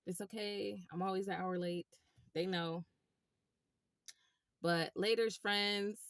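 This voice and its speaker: A woman telling a rideshare story to her viewers in a casual, animated way. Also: medium pitch, slow, no room sound, clean studio sound. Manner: animated, chatty, addresses viewers as y'all. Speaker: rideshare driver vlogger.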